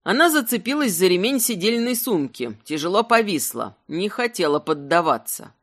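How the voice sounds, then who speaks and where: An audiobook narrator reading a fantasy novel in a steady storytelling voice. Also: medium pitch, normal speed.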